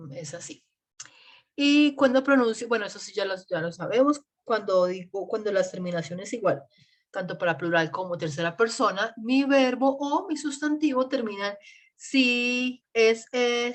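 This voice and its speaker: Woman, English teacher, patient, spells out examples, online class, computer mic. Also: medium pitch.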